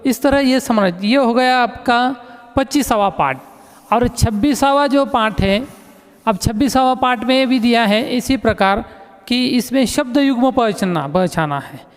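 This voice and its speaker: A male teacher with a very high voice speaks a little slowly in an echoey, reverberant room. In this recorded class lesson he patiently repeats words as he explains them and keeps saying "look."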